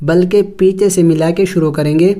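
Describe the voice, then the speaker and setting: A Quran tajweed teacher giving a step-by-step recitation lesson. They spell out syllables slowly, then explain each rule at a brisk pace. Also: medium pitch, fairly even intonation, dark tone.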